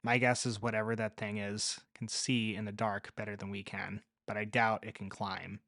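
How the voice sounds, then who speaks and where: A man voicing a calm, resourceful young woman survivor, speaking low and matter-of-fact. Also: moderate pace, gravelly, no echo, studio quality. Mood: guarded.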